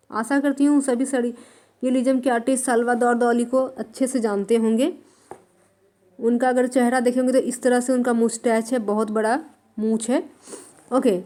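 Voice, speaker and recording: Woman, high voice, exam-prep art lecture, slow repeated terms. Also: a little mellow. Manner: writes on a board while dictating; repeats terms slowly for note-taking. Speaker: art teacher.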